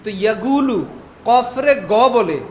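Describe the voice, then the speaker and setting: A man preaching a sermon, full of rhetorical questions and lively imitations of Arabic pronunciation. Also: very high voice, slow. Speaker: Islamic preacher. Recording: faint background noise.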